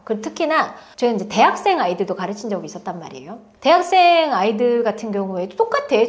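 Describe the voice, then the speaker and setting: A woman in her thirties giving casual advice as a tutor, acting out students and teachers as she talks. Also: mid-range voice. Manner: animated, acts out quoted students and teachers.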